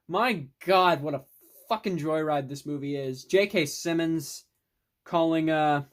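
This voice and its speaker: A young adult film collector talks through favorite movies in a loose, unscripted way. The delivery is enthusiastic and rambling, with mild swearing. The pitch sits at an ordinary middle level. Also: slow pace. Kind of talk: casual film review monologue.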